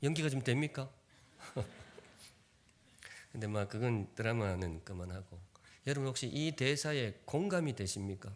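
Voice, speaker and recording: A man's voice: mid-range voice, lively intonation, measured pace, long pauses. A man in his fifties from Gyeongsan, preaching a sermon in Seoul speech with a trace of a Gyeongsang accent, humorous and drawing the congregation in with questions. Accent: Gyeongsang-tinged Seoul Korean. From Gyeongsan, North Gyeongsang, South Korea. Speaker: pastor. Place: church sanctuary.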